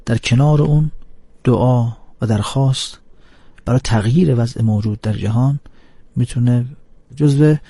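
A man's voice: mid-range voice, creaky, warm tone, slightly rough, no echo. A man giving an earnest, emphatic religious lecture. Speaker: religious speaker. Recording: music playing under speech.

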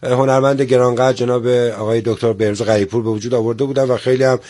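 A man in a studio interview who speaks in a polite, formal way. His pitch sits in the middle of the male range, and he tends to break off and restart his sentences. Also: steady tone, dark tone. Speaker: guest, theater organizer.

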